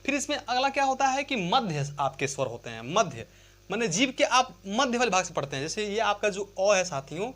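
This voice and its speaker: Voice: medium pitch, sing-song, fairly quick, a bit bright. A Hindi grammar teacher giving an exam-prep lesson from a chart, repeating points, asking and answering their own questions, and stretching out vowel sounds to demonstrate them. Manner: repetitive, asks and answers own questions, addresses listeners as friends.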